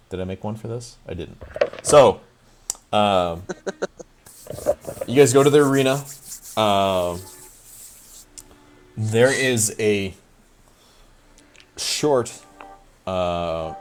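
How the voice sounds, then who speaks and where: A man running a tabletop game as game master, rambling and stopping to correct himself, a bit tipsy from wine. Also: fairly low pitch.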